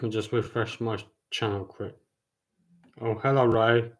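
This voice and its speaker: A young man, chatting casually on a livestream, repeating himself with halting restarts. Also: fairly low pitch, fairly even intonation, rough recording. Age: 20s.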